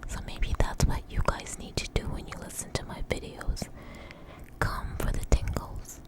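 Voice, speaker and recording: A woman whispering very close to the mic in an ASMR style, breathy with soft mouth sounds, rambling gently and reassuringly. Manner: slow, unstructured, reassuring. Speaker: ASMR video host.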